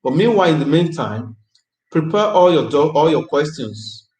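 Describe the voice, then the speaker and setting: A man's voice: a little high, expressive, normal speed, a little mellow. A man hosting a live-stream question-and-answer chat, chatty and upbeat, often repeating his phrases. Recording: roomy echo.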